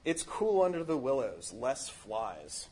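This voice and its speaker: A man's voice: mid-range voice, sing-song, slow, a little mellow, slightly rough, exaggerated voice, low-quality recording. A man reading aloud in the voice of a drowsy young male hobbit, clipped and sleepy.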